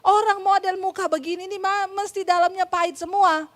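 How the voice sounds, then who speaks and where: A woman's voice: very high voice, normal speed. A woman pastor giving a sermon, telling stories with humor and addressing the congregation directly. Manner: lively storytelling with humor.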